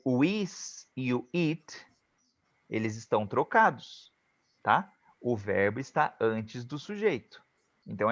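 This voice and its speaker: A man teaching an English lesson at an unhurried, patient pace, saying each example sentence slowly and clearly. He keeps checking whether his students are following. The sound is dry and a little dull, like an online class. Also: medium pitch, a bit bright, dry recording. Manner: often checks in with "tá bom?". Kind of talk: online class, explaining grammar.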